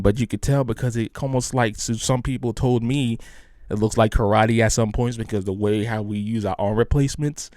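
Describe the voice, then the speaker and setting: A man's voice: mid-range voice, darkish tone, no echo, clean studio sound. A man hosting a casual solo podcast, talking in a rambling, hyped way with many restarts. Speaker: podcast host.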